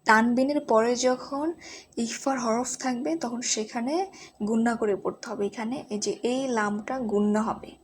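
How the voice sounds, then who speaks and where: A woman's voice: a little high, steady tone, normal speed, slight background noise. A woman teaching Quran reading, spelling out each letter and vowel mark one by one and then joining them into words. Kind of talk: slow spelling-out recitation lesson.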